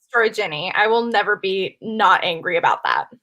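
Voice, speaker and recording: Bright, lively young-sounding woman chatting. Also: mid-range voice, moderate pace. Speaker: co-host of a book chat livestream. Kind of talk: casual group chat.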